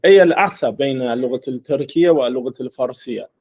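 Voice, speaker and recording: A man interviewing a guest, asking short, simple questions slowly. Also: medium pitch, a little mellow, breathy edge. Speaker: interviewer, channel host. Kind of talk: interview in formal Arabic.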